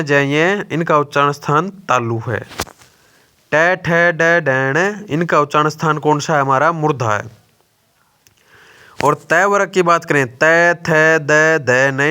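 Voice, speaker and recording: A young man teaches an exam-prep grammar lesson at a deliberately slow pace, drilling the letters one by one. His voice sits a little high for a man and comes across smooth and clear. He poses questions and answers them himself, calling his listeners brother. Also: bright, forceful tone. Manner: addresses listeners as brother (bhai).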